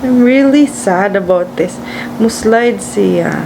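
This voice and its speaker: A woman's voice: medium pitch, takes it slowly. A woman from the Philippines with a Cebuano Filipino accent, just woken up, chatting casually and rambling as she vlogs, switching between English and Cebuano. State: just woke up. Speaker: vlogger. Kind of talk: casual vlog chat. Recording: clearly noisy room, air-conditioner-like hum.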